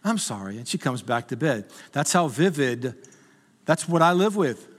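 A man's voice: fairly high pitch, animated, moderate pace, big-room sound. A middle-aged male pastor preaching a sermon in a conversational, humorous way that rises to urgent appeals.

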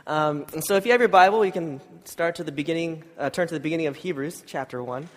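A man's voice: fairly high pitch, quick pace. A man preaching in an informal, conversational and slightly hesitant way, with a congested, nasal voice. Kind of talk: informal church sermon with scripture reading and prayer. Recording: long hall reverb.

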